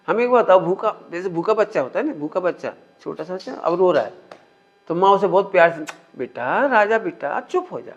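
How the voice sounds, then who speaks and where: This man's voice sits high and he talks a little fast while delivering a spiritual discourse. The teaching is conversational, full of questions to his listeners, and the recording is muffled and lo-fi.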